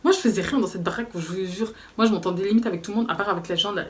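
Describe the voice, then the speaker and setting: A young woman telling a story from her life in a casual, lively way, talking straight to her viewers. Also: medium pitch, very fast, distant mic. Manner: lively, animated, conversational, addresses viewers directly. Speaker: vlogger.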